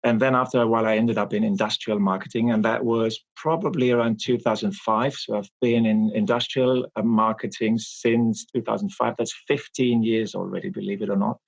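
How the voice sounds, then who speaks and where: A man in his forties, from Austria, answering interview questions about his marketing work in a measured, explanatory way with frequent pauses. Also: fairly low pitch, fairly even intonation, gravelly, dull audio. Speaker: guest, marketing expert. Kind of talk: interview conversation.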